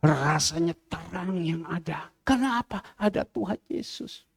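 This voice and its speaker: A male pastor preaching a fervent sermon, swinging from loud cries to quiet asides. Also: on the high side, expressive, normal speed, vocal fry, husky, big-room sound.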